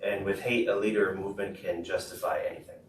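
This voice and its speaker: A man interpreting a student's talk into English at a school board meeting, steady with frequent "uh". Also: low-pitched, fairly quick. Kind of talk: consecutive interpreting. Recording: echoey room, far mic, noisy.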